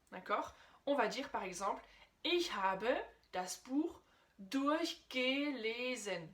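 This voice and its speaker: A woman teaching an online language lesson, explaining patiently, often checking in with "d'accord?" and slowing right down to spell out example sentences. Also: fairly high pitch, a bit bright. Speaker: German teacher.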